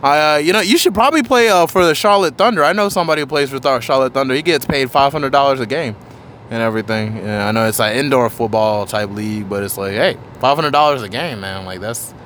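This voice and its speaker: A podcast host talks quickly and loosely, rambling between questions and dropping casual curses. His pitch sits in an ordinary middle range, with a faint hum of traffic behind him. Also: a bit bright. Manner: chatty, rambling, swears casually. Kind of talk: casual interview chat.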